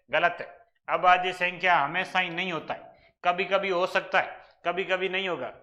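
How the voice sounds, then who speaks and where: A man's voice: high-pitched, pushed and bright. A man with a Rajasthani accent teaching an exam-prep maths lesson, working through problems step by step and answering his own questions.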